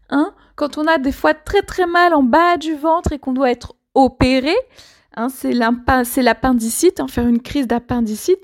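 A woman with a high voice teaches an idiom to learners. She talks slowly and clearly, with patient explanations and many small fillers. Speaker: French teacher.

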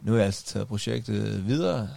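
A man's voice: on the low side, animated, gravelly, dark tone, dry recording. A man co-hosting a casual podcast, telling a wry story about the entertainment business. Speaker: podcast co-host.

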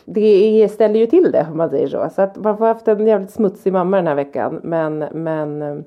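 Low-voiced frank woman, dull sound. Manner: frank, swears freely, acts out quotes. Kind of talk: casual chat.

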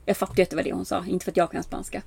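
A young woman casually telling a story, animated, with many fillers, acting out the lines of people she quotes. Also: lowish voice, creaky, breathy edge, no room sound. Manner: animated, acts out quoted exchanges with bright raised voice; frequent filler "bara" and "liksom", laughs at herself.

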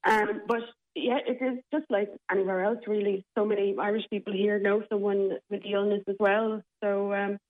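A woman's voice: mid-range voice, flat delivery, normal speed, hardly any pauses. A woman from the Republic, a theatre programme manager, speaking as a radio interview guest in a hesitant way with many fillers. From Czech Republic. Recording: tinny phone line.

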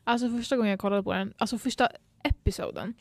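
A woman's voice: medium pitch, fairly even intonation, creaky, dry recording. A young woman from Sweden co-hosting a casual chat podcast, gushing and laughing a lot while swearing freely. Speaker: podcast co-host.

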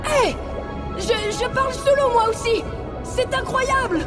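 Amazed young character shouting excitedly underwater, super high voice, loud movie music. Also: female voice, a little slow. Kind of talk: film dub acting. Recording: loud film music behind.

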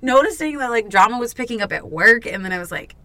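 A woman's voice: on the high side, lively intonation, quick pace, bright, forceful tone, no echo. A woman hosting a podcast in casual chat, talkative and swearing, acting out other people's voices. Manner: chatty, swears, acts out quoted voices. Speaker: podcast host.

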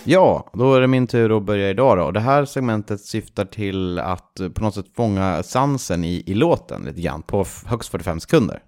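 A man with a low, deep voice co-hosts a casual music podcast. He thinks out loud, circling his point with fillers and restarts. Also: lively intonation, hardly any pauses. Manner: hesitant, with many fillers and restarts. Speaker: podcast co-host.

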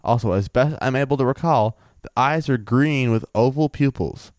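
A man co-hosting a casual podcast, telling a story in a relaxed way and thinking aloud. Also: medium pitch, normal speed, no room sound, clean studio sound.

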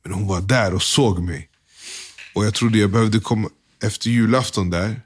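A young man speaks in a fairly low voice, quietly and haltingly. He retells his story in loose everyday slang and acts out what people said. He is a guest being interviewed. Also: fairly even intonation, slightly rough. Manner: subdued, halting, slangy retelling with quoted dialogue. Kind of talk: candid personal storytelling.

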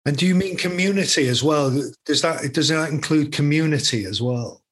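A man interviewing a guest, with brief prompts and gentle questions, heard a little away from the mic. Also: a little high, normal speed, husky.

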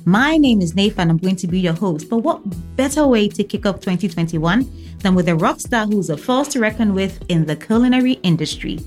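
A woman's voice: medium pitch, animated, a little fast, darkish tone, soft background music. A woman hosting a podcast, asking chatty, friendly questions. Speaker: podcast host. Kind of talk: interview hosting.

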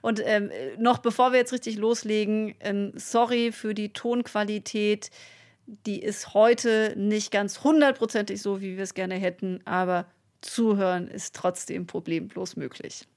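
A woman with a medium-pitched voice hosts an interview podcast. She moves conversationally between introductions and direct questions. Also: fairly even intonation, unhurried, darkish tone.

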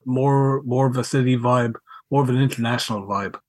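A middle-aged man, reminiscing casually in a halting, wry way and repeating words as he goes. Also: mid-range voice, dry recording. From County Mayo, Ireland. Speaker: podcast guest, school alumnus.

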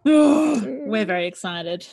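A woman's voice: medium pitch, expressive, measured pace, a little mellow. An Australian-accented woman hosting a podcast in a casual, chatty interview style. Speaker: podcast host.

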